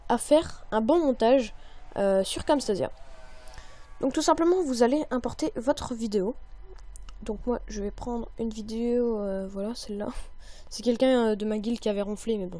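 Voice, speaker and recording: Woman, mellow slightly high voice, chatty tutorial narrator, upbeat. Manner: chatty, many fillers, upbeat. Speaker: tutorial maker. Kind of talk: screen-recorded software tutorial.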